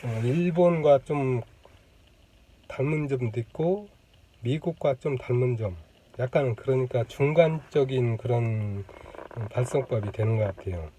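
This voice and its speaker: A man speaks straight to the camera as host of his own channel, explaining at an easy pace. His voice is very dark and mellow, with a middling pitch. He pauses often, fills the gaps with "uh" and "um," and acts out the sounds he describes. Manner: thoughtful, many fillers, demonstrates sounds. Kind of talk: casual explanatory talk to camera. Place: indoors on a lunch break. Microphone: camera mic.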